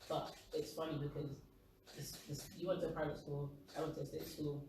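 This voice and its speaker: A young man from East London speaks casually in a discussion, rambling and discursive, with a London accent. His voice is fairly high and brisk, with little movement in pitch. The recording is noisy and very echoey, with the mic placed far away.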